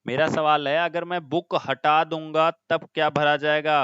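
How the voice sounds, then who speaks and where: A man's voice: fairly high pitch, level tone, moderate pace, a bit bright, clean tone, dry recording, highs cut off. A man teaching an online class, explaining step by step and often putting questions to his students.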